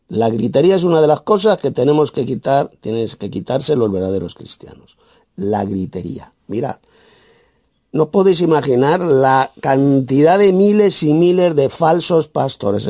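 A man with a Spain Spanish accent preaching a verse-by-verse sermon, emphatic and scornful, with sudden loud, high bursts and a habit of tagging his points with "¿eh?". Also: gravelly, no echo. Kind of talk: sermon, verse-by-verse Bible exposition.

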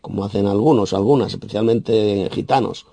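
A man with a Spain Spanish accent preaching a verse-by-verse sermon, emphatic and scornful, with sudden loud, high bursts and a habit of tagging his points with "¿eh?". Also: moderate pace, gravelly, no room sound. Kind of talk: sermon, verse-by-verse Bible exposition.

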